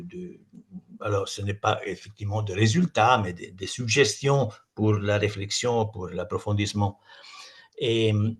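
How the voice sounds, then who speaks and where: A man with an Italian accent, a native Italian speaker, giving an academic talk in halting French, repeating words as he searches for them. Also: lowish voice. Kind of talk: semi-improvised academic talk.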